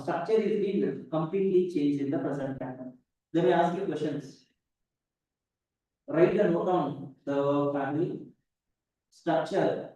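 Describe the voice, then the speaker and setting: A man with an Indian accent and a warm, somewhat high voice lectures a class in a didactic style. He repeats key points and keeps checking that students follow with questions like "correct?" and "right?", and the recording has a roomy echo with his voice distant from the mic.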